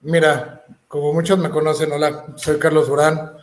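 A man's voice: fairly high pitch, flat delivery, moderate pace. Earnest Mexican man in an echoey room. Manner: earnest, hesitant with fillers and restarts. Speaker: political candidate. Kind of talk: answering interview questions.

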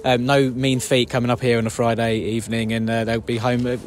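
A man's voice: medium pitch, flat delivery, brisk, a little hiss or hum. A man interviewing a football manager after a match, asking questions outdoors at a ground at night. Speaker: club media interviewer.

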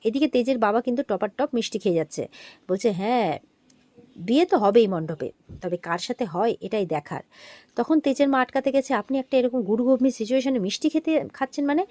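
Fast-talking woman retelling stories. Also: a little high, dark tone, dry recording. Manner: retells scenes quoting characters, frequent fillers. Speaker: serial recap narrator. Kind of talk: casual storytelling recap.

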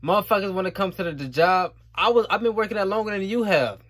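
High-voiced young man ranting angrily. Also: fast talker, fairly bright tone. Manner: profane, heated ranting; repeats tag questions like "you feel me". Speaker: vlogger. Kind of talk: story time rant.

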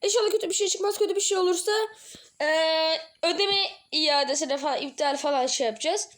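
A young woman doing horror game let's-play commentary, jumpy and excitable, swearing and dropping to low mutters between outbursts. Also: fairly quick. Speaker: gaming channel host.

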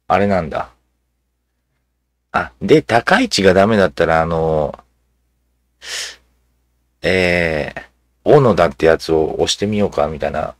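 A man giving casual commentary as he reads social media replies aloud, musing and halting, with many fillers and asides. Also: deep voice, dry recording.

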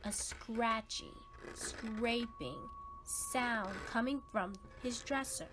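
This woman's fairly high voice carries a children's read-aloud at a slow pace, against a noisy background with music playing. Her expressive delivery leans into drama and suspense.

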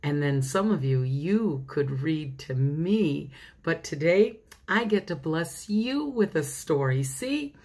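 A woman's voice: low-pitched, expressive, takes it slowly, hardly any pauses, a little mellow, slightly rough. A woman pastor reading a children's storybook aloud, chatting straight to the children and laughing often.

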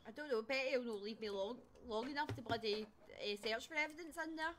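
A woman's voice: a little high, quick pace, heavy background noise. A woman streaming a ghost-hunting game, chatting casually and shrieking and laughing when startled. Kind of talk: casual gaming chat.

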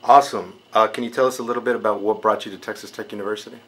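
Upbeat fast-talking male interviewer. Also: fairly low pitch, fairly even intonation, fairly bright tone, husky, rough recording. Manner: upbeat, keeps saying awesome. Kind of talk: off-camera interview questions.

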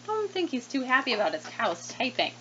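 Her voice is high and fairly quick as she reads a picture book aloud to kids, teacher-style, full of expression and questioning asides. She's a woman in her thirties, animated and speaking directly to the children. The setting is a small room where she sits at a desk, captured by a webcam with slightly muffled sound and a little background noise.

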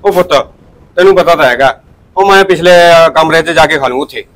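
A man playing an older, secretive village father in a short film, talking calm and gruff. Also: on the high side, a little fast, dry recording, lightly acted, poor audio. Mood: fatherly. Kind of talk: Punjabi short film acting.

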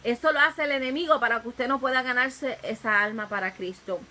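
A woman's voice: on the high side, brisk, pushed and bright, poor audio. A woman evangelist, preaching a fervent testimony sermon full of hallelujahs.

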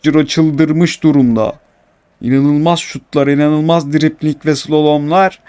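A man commentating his own football video game match, swinging between calm narration and excited, complaining outbursts. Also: on the high side, unhurried, clean tone. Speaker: gaming YouTuber.

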